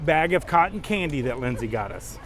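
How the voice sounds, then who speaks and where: A man hosts a casual travel vlog outdoors, chatting encouragingly as he walks along a resort path. His voice is on the high side, very animated and brisk. City ambience and vehicle noise fill the background.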